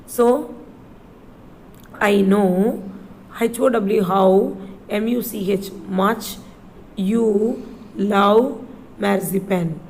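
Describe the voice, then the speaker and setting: A woman teacher reading a story line by line to children, spelling words letter by letter and repeating them slowly. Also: mid-range voice, darkish tone, low-quality recording.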